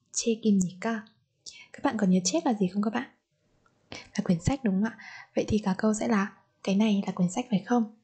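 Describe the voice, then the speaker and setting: A woman teaching a grammar lesson, patient, asking the learners questions and repeating example sentences slowly. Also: mid-range voice, mellow, slightly rough. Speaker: Korean language teacher.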